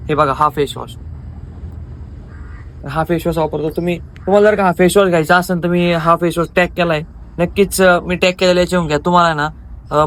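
A man's voice: fairly high pitch, fairly bright tone. Chatty young man vlogging outdoors. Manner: chatty, addresses viewers as friends. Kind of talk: casual vlog chat. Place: rural farmyard and fields, outdoors.

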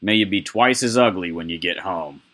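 A man voicing an old bearded man who speaks slowly and delivers dry insults. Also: low-pitched, fairly bright tone. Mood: cutting. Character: old man with long beard, slow and cutting.

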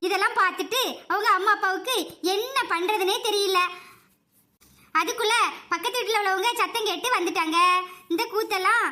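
A woman narrating a short family story in a plain, unhurried way. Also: very high-pitched, sharp tone.

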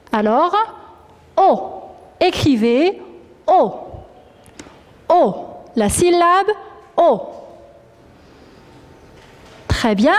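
A woman teacher giving a dictation to young pupils, slowly repeating each word and syllable. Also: very high voice, in a large hall. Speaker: primary school teacher. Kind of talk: classroom dictation lesson.

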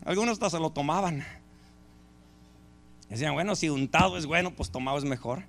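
A man's voice: fairly high pitch, a little fast, vocal fry, a bit bright. A male pastor, preaching a sermon and asking the congregation rhetorical questions.

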